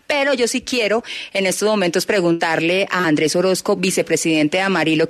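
A woman reporting live on site, upbeat and effusive as she interviews people. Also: medium pitch. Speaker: field reporter.

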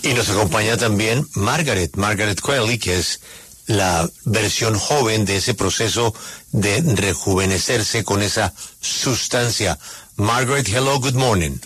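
Husky-voiced man radio host. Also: on the low side, moderate pace, a bit bright, no room sound. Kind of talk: radio interview hosting.

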